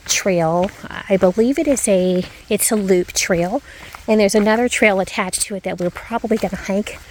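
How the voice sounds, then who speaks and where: A woman's voice: mid-range voice, slight background noise. A woman talking casually as a hiking vlogger out on a forest trail, unscripted and thinking aloud as she goes. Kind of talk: casual narration while hiking. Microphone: handheld camera carried while walking.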